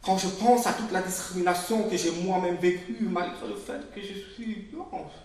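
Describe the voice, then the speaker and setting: A man's voice: normal speed, darkish tone, lightly acted. A man reading aloud as a defiant, bitter young woman narrator, with insistent rhetorical repetition. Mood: impassioned. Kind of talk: literary reading. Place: public reading in a literary venue. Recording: very echoey room, voice from far off, faint rumble.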